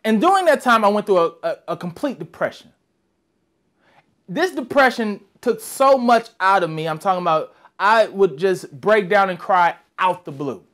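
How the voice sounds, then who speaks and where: A young man, a motivational speaker, telling a personal story with animated delivery and acted-out voices. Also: sits high, moderate pace.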